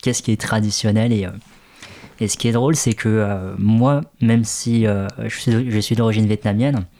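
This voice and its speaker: A man's voice: lowish voice, steady tone, moderate pace, warm tone. A man who grew up in France, talking in an interview, hesitant with many fillers. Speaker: interview guest, café co-founder. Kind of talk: casual interview talk.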